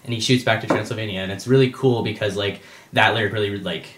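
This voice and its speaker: A man's voice: on the low side, fairly even intonation, fast talker, fairly bright tone. A young man in his early twenties, a musician guest chatting casually in a rambling way full of fillers. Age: young adult. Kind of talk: casual chat. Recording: echoey room.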